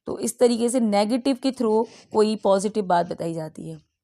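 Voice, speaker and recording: A woman with an Indian accent teaching an exam-prep English lesson. She reads each practice question slowly in English, then explains it in Hindi mixed with English. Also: mid-range voice, mellow.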